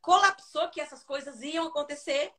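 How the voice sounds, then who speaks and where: A Brazilian woman, a singer guest on a live stream, telling a childhood story with dramatic, animated retelling. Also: sits high, moderate pace.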